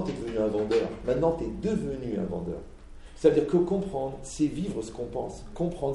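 A man teaching an audience in a lively way, full of rhetorical questions, playacted dialogues and jokes. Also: medium pitch, creaky, reverberant, distant mic, a little hiss or hum, rough recording.

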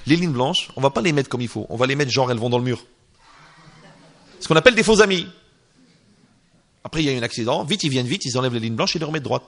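A man giving an informal religious lesson in French, lively and conversational, acting out short dialogues and dropping in Hebrew terms. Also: medium pitch, rapid-fire, vocal fry, hardly any pauses. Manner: animated, acts out little dialogues, slips in Hebrew terms. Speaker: religious teacher.

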